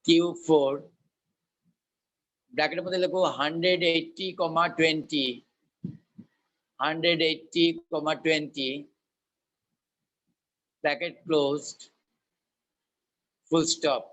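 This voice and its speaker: A man's voice: fairly high pitch, fairly even intonation, takes it slowly, long pauses, a bit bright, dull audio. A male teacher with a Bengali accent dictating to a class word by word, repeating and spelling things out.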